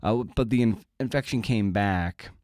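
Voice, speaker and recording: A middle-aged podcast host with a deep, darkish voice speaks at normal speed, rambling casually with a sardonic, self-deprecating edge and some blunt swearing. The recording is very dry, with no room echo.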